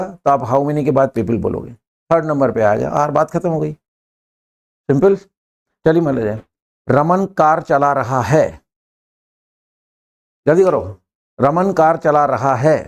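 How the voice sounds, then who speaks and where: Older man, classroom English teacher, slightly high voice, brisk, jokey, drills his students fast. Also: darkish tone. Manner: brisk, joking, urging students to answer fast.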